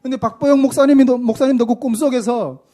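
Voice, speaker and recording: A middle-aged male pastor giving an emphatic testimony sermon, swinging between loud and soft. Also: extremely high pitch, fairly even intonation, fast talker.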